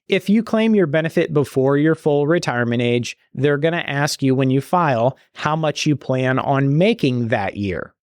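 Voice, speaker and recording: A man's voice: mid-range voice, dry recording, studio quality. A man hosting a podcast, explaining retirement benefits in a conversational way, often restarting and adding asides. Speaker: podcast host and retirement planner. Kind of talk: solo podcast explaining listener questions.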